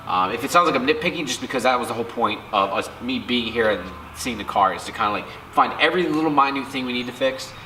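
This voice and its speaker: A man's voice: on the low side, bright, forceful tone, roomy sound, slight background noise, rough recording. A man with a stuffy, allergy-blocked voice, talking casually about cars as a guest on a vlog, rambling and correcting himself. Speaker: guest car enthusiast.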